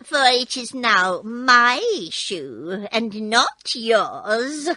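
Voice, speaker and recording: A woman voicing a cunning, spiteful wicked old witch who gloats slowly and wails shrilly. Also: big pitch swings, sharp tone, no echo, exaggerated voice. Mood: gloating. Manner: slow gloating, then shrill wailing shrieks.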